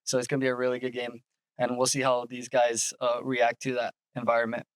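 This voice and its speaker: A men's soccer coach answers questions in a measured way, pausing often. His voice is smooth and clear with little movement in pitch. The sound is dry and close. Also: monotone, dry recording. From Yakima, Washington. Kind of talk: interview answers.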